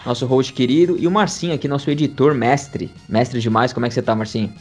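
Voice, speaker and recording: Brazilian portuguese podcast host guy, talks really fast, casual, bit of music behind. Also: mid-range voice, a little mellow, slightly rough.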